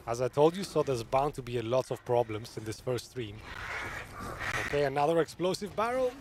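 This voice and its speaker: Male streamer, casual and giggly, animated pitch, light background hiss. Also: brisk. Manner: chatty, laughs often, reads chat aloud. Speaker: gaming streamer. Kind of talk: live gameplay commentary.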